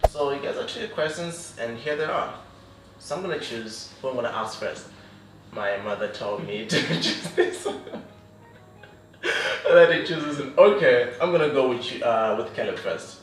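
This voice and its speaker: A man hosting a casual video chat with two guests, lively and jokey, often laughing. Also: medium pitch, normal speed. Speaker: host. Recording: echoey room, voice from a distance, faint music behind.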